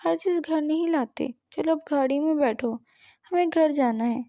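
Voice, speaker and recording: A woman's voice: high-pitched, no room sound, lo-fi sound. A woman voicing a stern, protective young husband who gives firm, scolding commands.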